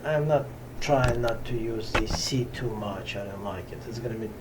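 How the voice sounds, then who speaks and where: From a hot little room in a Brooklyn home ashram, a middle-aged man whose first language is Russian gives an unrehearsed, slow talk on yoga to a camera placed at a distance. His lowish voice falters often as he looks for words, with plenty of fillers, over steady background noise.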